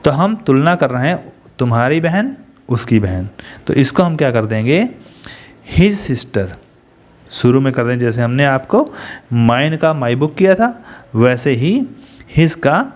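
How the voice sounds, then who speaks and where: A man's voice: mid-range voice, very animated, takes it slowly. A man with an Indian accent teaching an English grammar lesson, explaining step by step and asking his students questions as he goes.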